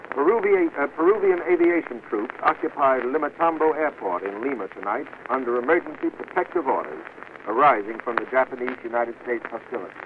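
A man reading formal news bulletins as a radio announcer, with the sound of an old-time radio news broadcast. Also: medium pitch. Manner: brisk, formal announcer delivery. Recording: tinny, noisy archival radio broadcast.

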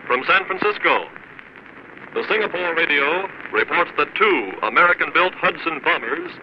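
Man, news announcer, fairly high voice, formal bulletin reading, old muffled radio broadcast, heavy hiss. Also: animated, moderate pace. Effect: old archival radio broadcast sound. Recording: dull noisy 1940s radio recording.

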